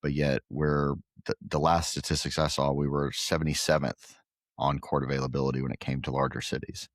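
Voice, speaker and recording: A man's voice: a bass voice, little pitch movement, fairly quick, no room sound, clean studio sound. A middle-aged man from Guatemala, a facility owner talking earnestly in a casual interview, with many fillers and restarts. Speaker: pickleball facility owner and podcast guest.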